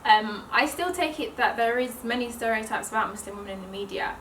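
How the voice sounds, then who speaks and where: Higher-voiced young woman, echoey and distant. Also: lively intonation, fairly quick, a bit bright, slight background noise. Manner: reflective, uses many fillers like "like". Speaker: fashion design student. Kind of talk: documentary interview. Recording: roomy, mic set far off.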